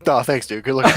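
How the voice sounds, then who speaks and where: A man co-hosting a gaming podcast in loose casual chat, laughing often and swearing freely. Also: very high voice. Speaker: podcast co-host.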